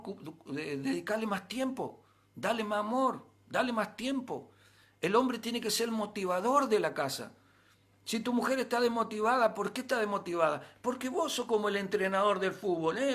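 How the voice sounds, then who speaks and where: A pastor with a Rioplatense Spanish accent delivers a sermon in a high-pitched male voice. He presses his points with emphatic rises and frequent rhetorical questions. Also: fairly bright tone.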